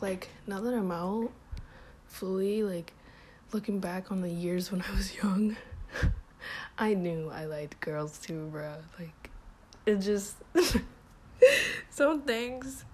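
A young woman telling a personal story in a relaxed, casual vlog style. She fills her speech with "like" and small laughs, and says she feels a little sick and hot. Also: lowish voice. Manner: relaxed, heavy use of "like", frequent small laughs. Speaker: vlogger.

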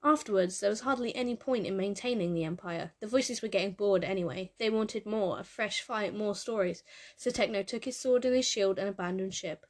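A woman reading a story aloud with measured, expressive delivery. Her voice sits at an ordinary middle pitch for a woman. She carries the narration steadily from line to line. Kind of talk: fan fiction reading.

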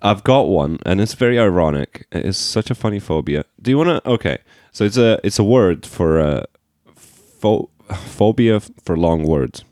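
A man co-hosting a podcast in casual, jokey, animated chat. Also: deep voice, moderate pace, few pauses, no echo, clean studio sound. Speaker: podcast co-host.

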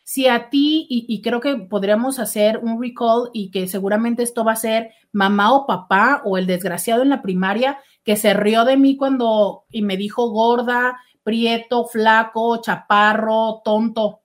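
A woman's voice: on the high side, measured pace, few pauses. A middle-aged woman hosting a casual show and chatting animatedly as she reads listener messages. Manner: chatty, warm, animated with exclamations. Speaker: radio host reading listener messages. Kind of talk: casual call-in show chat.

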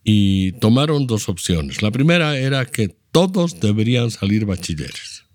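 Deep-voiced older Bolivian man explaining history. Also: very animated, darkish tone, no echo. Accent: Bolivian Spanish. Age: 70s. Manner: measured, explanatory, lecturing tone. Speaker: interview guest, architect. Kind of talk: reflective storytelling.

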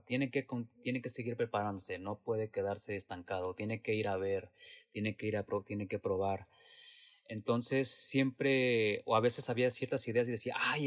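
Soft-spoken man in a hesitant interview. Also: on the low side. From Latin America. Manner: reflective, hesitant with many restarts and fillers. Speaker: theater actor and producer. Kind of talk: casual interview answers.

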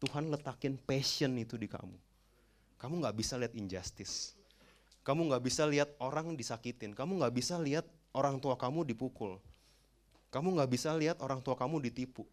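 A young adult male preacher giving a lively sermon, often asking his listeners questions and dropping English phrases into his talk. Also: mid-range voice, fairly quick.

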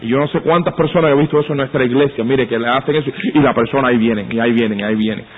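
A man preaching a sermon as pastor in a church, switching into quoted voices and climbing high and loud when he gets animated. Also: very fast. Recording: phone-like lo-fi sound, husky.

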